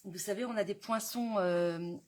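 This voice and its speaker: A woman hosting a live crafting demonstration, chatting to viewers and often dropping to soft murmurs as she works. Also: medium pitch, normal speed. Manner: chatty, addresses viewers directly.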